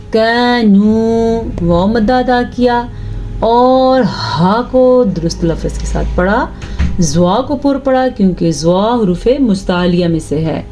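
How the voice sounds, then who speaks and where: A woman teaching tajweed, explaining each rule patiently and checking her students follow, then reciting verses slowly in a drawn-out chant. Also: fairly high pitch, mellow. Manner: explains rules patiently, asks "ٹھیک ہے؟" after each point.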